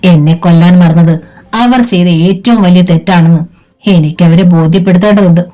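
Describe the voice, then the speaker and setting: A woman voicing an injured young man in an audiobook, speaking softly but with firm determination. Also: lowish voice, moderate pace, natural voice. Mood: determined. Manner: soft, determined.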